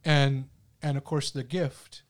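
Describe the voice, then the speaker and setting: A man's voice: medium pitch, steady tone, takes it slowly. Thoughtful man musing in conversation. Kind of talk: reflective casual chat.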